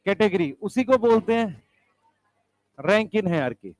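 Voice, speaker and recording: A man teaching a biology lesson, asking questions and answering them himself, slowing down to stress key terms. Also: sits high, animated, dry recording. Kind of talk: classroom lecture.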